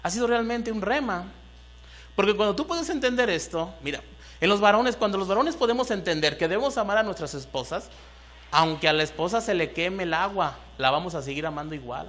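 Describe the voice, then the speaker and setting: A man's voice: high voice, animated, a little fast, fairly bright tone. A man with a Mexican Spanish accent preaching a sermon to a congregation, rising into emphatic bursts and asking the room questions. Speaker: pastor. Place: church hall.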